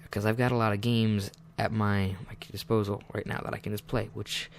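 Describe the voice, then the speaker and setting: A man's voice: fairly low pitch, flat delivery, fairly quick, a little hiss or hum. A man giving rambling, self-deprecating let's-play commentary, often muttering asides to himself over faint game music. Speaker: gaming channel host.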